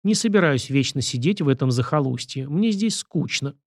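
A man's voice: medium pitch, lively intonation, normal speed, dry recording, studio quality, natural voice. A man voicing a playful teasing woman. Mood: teasing, curious.

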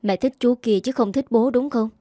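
A hurt, sulky little boy in a spoken story, pleading and accusing, as a woman reads his lines. His lines come in a warm, mellow tone. The recording is dry. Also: a little high, moderate pace, no room sound, pitched above the performer's own voice, lightly acted.

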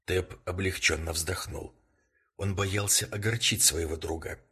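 A man narrating a detective novel as an expressive, scripted audiobook reading. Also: deep voice, unhurried, husky.

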